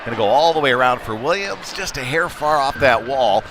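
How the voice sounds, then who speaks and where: Brisk and lively in intonation, a man with a mid-range voice calls a youth hockey game live, play by play, though in a chatty and somewhat hesitant way. The setting is an indoor ice hockey rink, whose noise and ambience are plainly audible.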